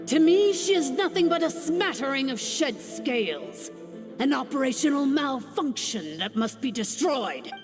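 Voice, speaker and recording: A woman with a high voice and dramatic pitch swings plays an almighty dragon lord in a video game, an arrogant ancient female tyrant full of grandiose contempt. Her delivery is slow, commanding, scornful and menacing. Game music plays beneath long reverb.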